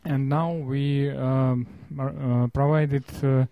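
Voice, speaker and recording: A man from Russia with a Russian accent, explaining in an interview in halting non-fluent English, often searching for words. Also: mid-range voice, little pitch movement, no echo, narrow, tinny audio.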